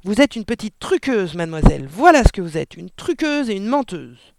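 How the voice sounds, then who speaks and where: A man's voice: sits high, very animated, normal speed, vocal fry, no echo, exaggerated voice. A man voicing a boastful, bullying middle-aged father in an audiobook story. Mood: furious shouting. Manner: bragging, then shouting in anger.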